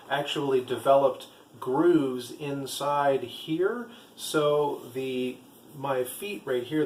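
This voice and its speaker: An echoey room recording with faint background noise carries a man's voice at an average pitch. He talks casually to camera like a hobby vlogger reviewing gear. His explanations ramble a little and come with hesitations. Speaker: vlogger and trail runner.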